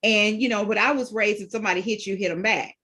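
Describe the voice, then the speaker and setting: A woman's voice: medium pitch, steady tone, fast talker, pushed and bright, breathy edge. A middle-aged woman hosting a radio talk show, telling a personal story in a casual way and acting out the quotes, with a lot of "you know" fillers. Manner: retells events with acted-out quotes, many "you know" fillers.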